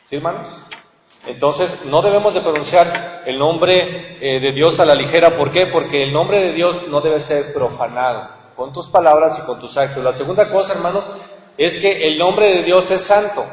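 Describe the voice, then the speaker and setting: A man's voice: a little high, normal speed. A man with a Mexican accent preaching a sermon as pastor, earnestly asking his listeners rhetorical questions. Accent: Mexican Spanish. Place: church hall. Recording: echoey church hall with long reverb.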